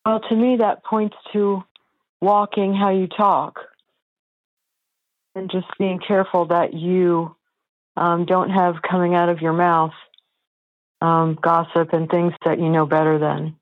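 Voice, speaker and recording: Woman chiming in on a group call, slow talking, pretty even tone, phone sound. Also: on the low side, dry recording. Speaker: discussion participant. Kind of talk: informal reflective comment. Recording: dry narrow phone line.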